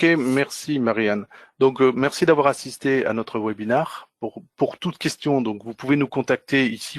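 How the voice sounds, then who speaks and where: A man hosts a company webinar in a dry, close-miked voice of middling pitch. He speaks haltingly, with many "euh"s and restarts, and sounds like he is on a computer mic during a web call. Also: dry recording. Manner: hesitant, many fillers and restarts. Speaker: webinar host. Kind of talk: corporate webinar wrap-up. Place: home or office during lockdown.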